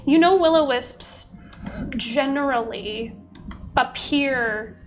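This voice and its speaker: A woman narrating a tabletop game as game master, describing scenes in halting, piece-by-piece phrases. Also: high-pitched, noisy background. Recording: background music.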